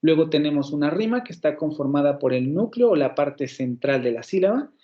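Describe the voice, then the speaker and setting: Teaching university phonetics over a video call, a man with a Mexican Spanish accent speaks fairly quickly in a slightly high voice with lively intonation. He reasons out loud and pauses to fix his own mistakes. His computer mic gives the audio a somewhat dull quality.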